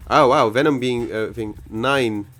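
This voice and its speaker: A man's voice: medium pitch, unhurried, a bit bright. A man hosting a live game tournament stream, chatting casually with viewers, rambling with many fillers and self-corrections. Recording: game music playing behind.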